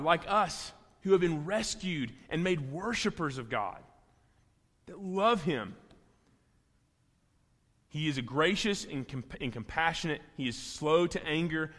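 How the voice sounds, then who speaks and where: A man's voice: on the high side, a bit bright. A man giving an earnest sermon, sometimes acting out biblical figures, with small restarts as he goes. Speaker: pastor. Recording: long reverb of a large hall.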